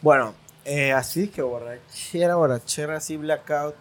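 A man's voice: a little high, moderate pace. A man, chatting casually as a podcast co-host. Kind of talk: casual chat.

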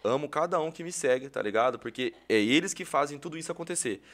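A young man in his twenties with a Brazilian Portuguese accent, a podcast guest chatting casually, slangy and animated as he tells stories. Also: a little high, quick pace. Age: 20s. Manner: animated storytelling, heavy slang, acts out quoted voices. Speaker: podcast guest, content creator.

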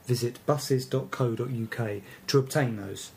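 A man's voice: mid-range voice, moderate pace, creaky, darkish tone. An English man co-hosting a casual comic chat, talking and reading items out in a dry, mock-serious way. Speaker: podcast co-host.

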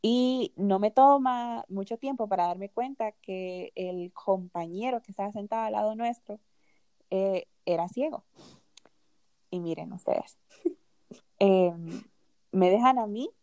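A young woman hosting a podcast, casually telling a personal story in an animated way, often laughing along. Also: mid-range voice, a little slow, no echo. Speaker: podcast host.

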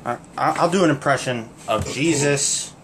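A man co-hosting a podcast, telling crude jokes deadpan and then explaining the punchlines. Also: mid-range voice, moderate pace, background noise. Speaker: podcast co-host. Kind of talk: casual crude banter.

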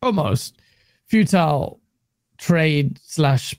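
Gravelly man with a laugh. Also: on the high side, expressive, extremely slow, a little mellow, dry recording. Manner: laughs often, stammers and restarts. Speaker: guest. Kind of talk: casual podcast chat.

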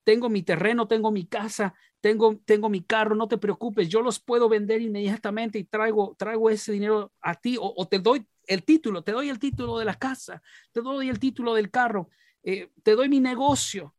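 A man's voice: high-pitched, normal speed, darkish tone, no room sound, clean studio sound, lightly acted. A man voicing an eager, desperate pearl merchant who pleads and piles up offers, his voice a bit raised. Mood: pleading.

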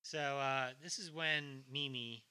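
A man's voice: mid-range voice, slow, bright, forceful tone, smooth. A man hosting a podcast in a casual, comedic movie-recap chat, joking and swearing as he goes. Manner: joking, swearing, slips into mock impressions.

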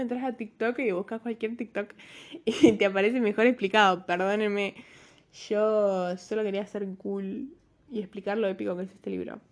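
A woman's voice: medium pitch, a little mellow. A woman, recommending books in a casual, rambling vlog, poking fun at herself and laughing often. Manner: chatty, rambling, self-mocking, laughs often. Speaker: book vlogger.

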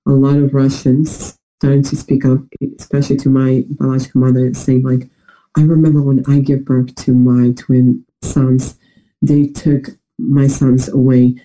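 A young man with a New York-like American accent sounds congested and nasal, still stuffed up from a recent illness. As a guest on an interview, he hesitantly shares personal stories in a medium-pitched, unhurried, mellow voice with little pitch movement, captured on a low-quality recording.

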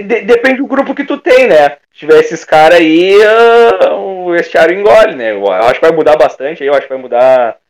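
Opinionated man debating football. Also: on the high side. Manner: opinionated, halting with many restarts. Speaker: football pundit. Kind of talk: casual sports debate.

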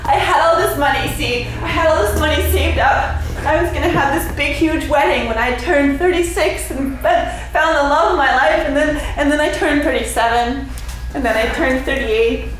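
A woman's voice: sits high, normal speed, lightly acted. A woman playing a giggly, apologetic homeowner in her forties in an improvised comedy scene, recorded in an echoey room from a distance. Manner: giggly, self-deprecating, apologetic. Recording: echoey room from far off, faint noise.

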